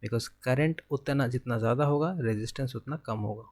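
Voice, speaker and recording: A young man with an Indian accent teaches an exam-prep physics lesson at a mid-range pitch. He works through each formula step by step, asks himself questions and answers them right away. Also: fairly quick. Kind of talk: exam-prep lecture, working problems aloud.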